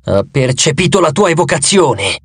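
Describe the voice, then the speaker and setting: A man voicing the weary ghost of a boy hero, speaking slowly in a dry, papery voice. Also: a little high, sing-song, creaky, fairly bright tone, husky, dry recording, heavily acted. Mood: uneasy. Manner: slow, subdued delivery.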